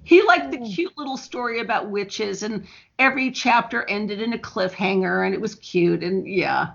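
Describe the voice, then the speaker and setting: A woman's voice: medium pitch, expressive, normal speed, creaky, fairly bright tone. A middle-aged woman from Indiana, a guest author chatting casually and laughing often. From Indiana, USA. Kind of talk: casual podcast chat. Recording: dull lo-fi audio.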